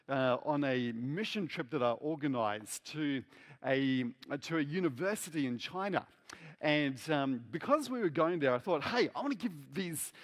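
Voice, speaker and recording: A middle-aged man from New Zealand preaching a sermon, repeating phrases and asking the congregation questions, swinging between loud emphasis and quiet asides. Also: fairly high pitch. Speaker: pastor.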